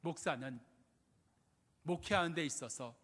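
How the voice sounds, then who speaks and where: A man's voice: fairly high pitch, unhurried, fairly bright tone. An older man preaching as a pastor, firing off rhetorical questions with swelling and dropping emphasis, in a church sanctuary. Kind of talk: sermon. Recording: long hall reverb in a church.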